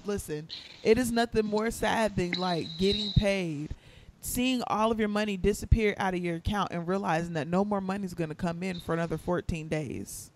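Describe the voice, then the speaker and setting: Podcast co-host, male, high voice, loose rambling delivery, muffled and distant as if heard through a wall. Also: normal speed, a little hiss or hum. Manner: laid-back, rambling storytelling. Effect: sounds far away and muffled, as if heard through a wall. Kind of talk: casual chat. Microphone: far from his microphone, in a quiet room.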